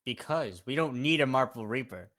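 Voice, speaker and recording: A man's voice: mid-range voice, lively intonation, normal speed, fairly bright tone. A man playing in a casual online tabletop game, laid back and bantering. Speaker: player.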